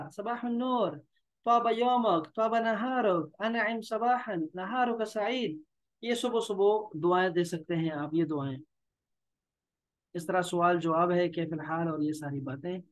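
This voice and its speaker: A man with a Pakistani Urdu accent teaching a language class. He reads each phrase aloud, explains it, and coaxes the students with repetition. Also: a little high. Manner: coaxing, repeats himself. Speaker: Arabic teacher. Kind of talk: classroom lesson.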